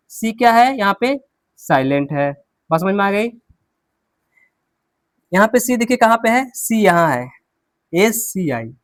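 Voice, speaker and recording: In a recording free of room sound, a high-pitched man gives a classroom lesson on English pronunciation at a board. Asking the class questions and answering them himself, he repeats the key words.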